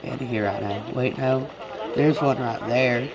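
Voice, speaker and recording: A man with a congested, sick-sounding nose talks very slowly through an unscripted game tour. His delivery is casual and halting, at a medium pitch. A crowd is clearly audible behind him. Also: low-quality recording. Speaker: gamer giving a video game tour. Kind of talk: casual rambling game walkthrough.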